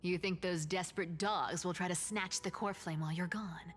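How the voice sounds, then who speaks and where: An actress playing a sly, flippant trickster thief with a teasing, casual way of talking in a video game. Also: female voice, fairly low pitch, steady tone, normal speed, a little hiss or hum, natural voice. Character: sly, teasing female master thief, long-lived trickster.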